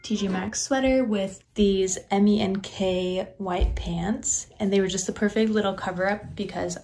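A woman's voice: mid-range voice, steady tone, moderate pace, mellow. A young woman in her twenties chatting casually to a phone camera at arm's length in a bedroom, describing her day and outfits. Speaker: vlogger. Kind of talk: casual vlog talk to camera. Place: bedroom at home, indoors. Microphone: phone held at arm's length.

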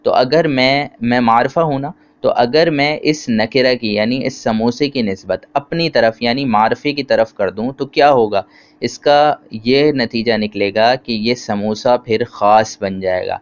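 Guy teaching grammar, patient, easy examples, mid pitch, kinda dull lo-fi sound. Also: measured pace. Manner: patient, explaining with simple examples and questions. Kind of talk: grammar lecture.

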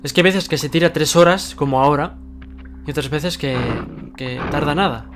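A man's voice: fairly high pitch, normal speed, noisy background. A young man from Spain with a Spanish accent, commentating a horror game he is playing, impatient and swearing at the enemies. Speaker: gaming youtuber. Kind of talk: let's play commentary. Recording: loud game music behind.

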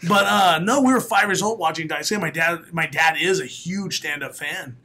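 A raspy-voiced comedian in his late thirties, guesting on a casual podcast, tells animated stories, laughs often, and breaks into loud announcer calls. His pitch is fairly high and his speed normal. He's close-miked with a studio mic and headphones in a small studio, with crowd noise audible.

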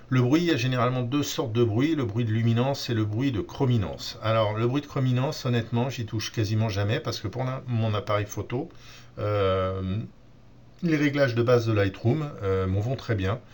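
A man giving a relaxed software tutorial on photo editing, explaining step by step with many fillers and restarts. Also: lowish voice, a little hiss or hum. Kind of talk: screen-recorded software tutorial.

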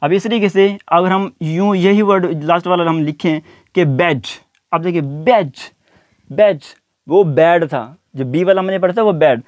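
A man teaching an English lesson, repeating each word slowly and deliberately. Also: high-pitched, darkish tone, dry recording, studio quality. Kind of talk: spoken language lesson.

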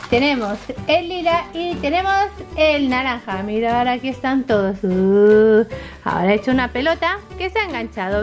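A woman with a very high, squeaky, sing-song voice narrates toy play for children. Her accent is from Spain, and her delivery is cutesy and exclamatory. Music plays behind her. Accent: Spain Spanish. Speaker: host of a children's toy video channel.

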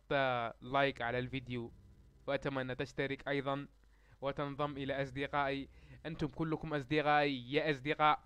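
A young man giving let's-play commentary in formal Standard Arabic, excitable and yelling in panic when zombies attack, with joking asides to his viewers. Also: on the high side, clear, resonant tone. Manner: speaks formal Standard Arabic to reach all Arabs. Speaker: gaming YouTuber.

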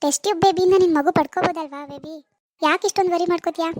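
A woman's voice: extremely high pitch, very fast, darkish tone, no room sound. A woman voicing a worried middle-aged mother in a cartoon, soothing and pleading with her daughter. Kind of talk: cartoon voice acting.

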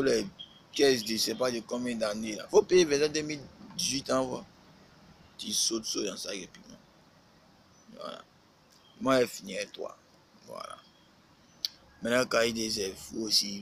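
Gravelly man lecturing on a live stream. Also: mid-range voice, fairly bright tone, a little hiss or hum, rough recording. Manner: lecturing, repetitive, scolding. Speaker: rapper. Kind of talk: casual live-stream rant.

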